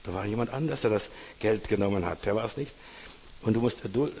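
A man delivers an informal sermon, speaking to the listener as a friend with "du" and retelling parables with acted-out quotes. His voice is fairly low, husky and darkish, and he talks fast in a big-room sound.

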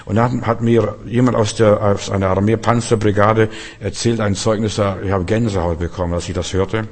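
A man's voice: fairly low pitch, steady tone, normal speed, darkish tone. A man preaching a sermon, emphatic and repetitive, speaking directly to his listeners.

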